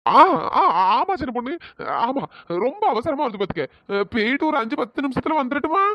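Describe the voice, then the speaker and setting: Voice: high-pitched, animated, fairly quick, fairly bright tone, no room sound, studio quality. Timid stammering henpecked husband, voiced by a performer. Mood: fretful pleading. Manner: stammering, pleading. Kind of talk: cartoon voice acting.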